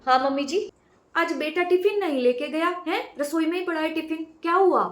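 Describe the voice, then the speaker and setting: A woman's voice: extremely high pitch, fairly quick, reverberant. A woman playing a young daughter-in-law in a comedy sketch, who complains and politely defends herself. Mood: defensive.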